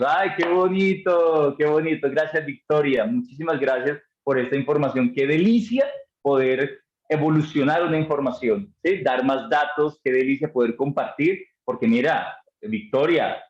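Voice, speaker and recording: A man's voice: medium pitch, dull audio. Man teaching an online meditation class, roomy sound. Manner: encouraging and effusive, thinks aloud with fillers. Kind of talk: live online class, answering chat questions.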